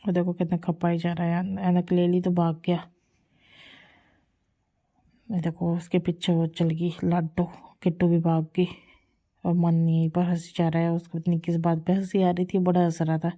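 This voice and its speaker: A warm, lowish-voiced woman provides chatty vlog voice-over for clips of her children, doting on their antics. She's a mother who rambles and says things more than once as she narrates.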